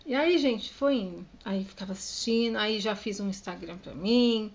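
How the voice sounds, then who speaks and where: A woman's voice: medium pitch, normal speed, muffled recording. Chatty Brazilian woman telling a story. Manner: chatty, acts out dialogue with her daughter and husband. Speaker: vlogger. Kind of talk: casual storytelling to camera.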